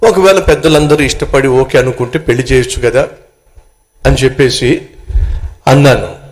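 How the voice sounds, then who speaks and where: A man's voice: mid-range voice, moderate pace. A male pastor preaching a sermon, telling stories and questioning his congregation directly. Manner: animated storytelling, addressing the congregation directly.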